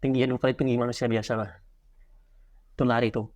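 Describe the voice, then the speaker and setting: Fast-talking young man telling a tale. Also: medium pitch. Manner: animated storyteller, quick and loose. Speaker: guest, horror story writer. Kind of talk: casual podcast chat, recounting a childhood experience.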